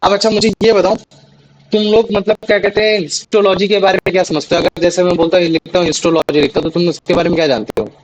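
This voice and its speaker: A man's voice: high voice, level tone, quick pace, low-quality recording. A young man tutoring students in a class, explaining patiently with many fillers and restarts. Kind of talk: online class teaching in Hindi.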